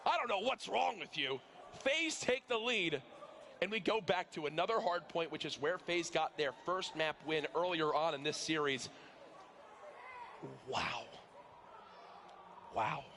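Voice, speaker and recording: A man doing play-by-play esports commentary, excitable and building to shouts at big moments. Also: a little high, normal speed, a little hiss or hum. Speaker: esports caster.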